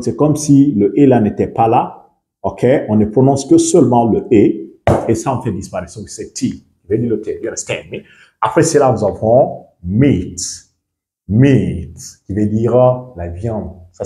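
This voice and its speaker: A man's voice: fairly low pitch, moderate pace, mellow. A young Guinean man with a Guinean French accent, teaching a bilingual pronunciation lesson and often checking that listeners understand. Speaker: English and German teacher.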